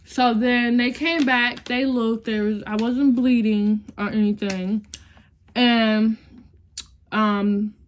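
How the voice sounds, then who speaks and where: A woman's voice: fairly high pitch, steady tone, takes it slowly, a little hiss or hum. A young woman tells an emotional personal story in a casual, chatty way, often calling her viewers y'all and sometimes close to tears. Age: young adult. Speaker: vlogger.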